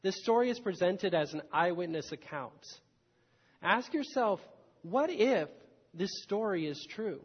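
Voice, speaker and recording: Guy preaching a sermon, pretty high voice, dramatic storytelling, echoey church hall, kinda muffled. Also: expressive, unhurried, husky. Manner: dramatic storytelling, rising and falling with emphasis. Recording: muffled sound with long hall reverb.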